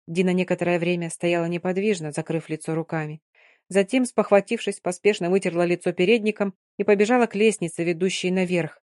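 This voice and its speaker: A woman reading an audiobook in a steady, even narrating voice. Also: on the low side, brisk, dry recording, clean studio sound. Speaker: audiobook reader. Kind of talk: scripted narration.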